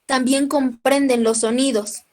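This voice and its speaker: A woman with a Mexican accent lectures a class, checking in with her listeners often and clearing her throat now and then. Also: sits high, steady tone, measured pace, darkish tone. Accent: Mexican Spanish. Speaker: teacher.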